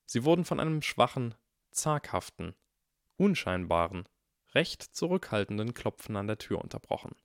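Low-voiced man narrating a story. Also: big pitch swings, normal speed, no echo, clean studio sound. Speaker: audiobook narrator.

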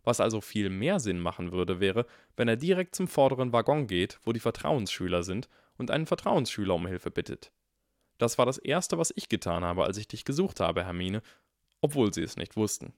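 A man's voice: on the low side, big pitch swings, normal speed, no room sound, clean studio sound. A man voicing a clever, cheeky young schoolboy with a wry, theatrical way of talking in a storybook reading.

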